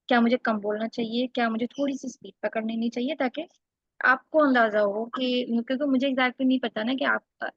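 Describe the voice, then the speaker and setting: A woman's voice: fairly high pitch, vocal fry, dry recording, lo-fi sound. A woman tutoring one student for a spoken English test, correcting mistakes and explaining step by step. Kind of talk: one-on-one online lesson.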